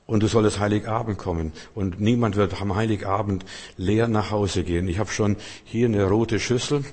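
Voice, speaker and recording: A man preaching a sermon to his congregation, fervent, moving between soft, quiet passages and loud, emphatic appeals. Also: fairly low pitch, steady tone, moderate pace. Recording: long hall reverb.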